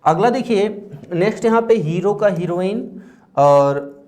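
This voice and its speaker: A man's voice: sits high, animated, measured pace, darkish tone. A male teacher giving a patient exam-prep grammar lesson and often checking understanding. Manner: explains patiently, often checks with "theek hai".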